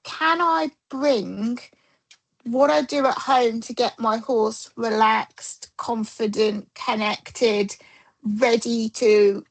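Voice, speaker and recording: A woman's voice: on the high side, slow pace, vocal fry, poor audio. A middle-aged woman, a dressage coach, telling stories in an interview and acting out the dialogue as she goes. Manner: animated, acts out quoted dialogue. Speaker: dressage rider and coach, guest. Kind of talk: casual storytelling interview.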